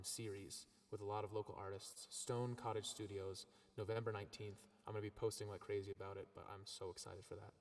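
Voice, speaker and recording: A man, a singer-songwriter, chatting casually between songs on a live stream, his voice drenched in an echo effect that sounds like a big cave, rambling with lots of ums. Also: fairly low pitch. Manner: rambling, relaxed, filled with ums and likes.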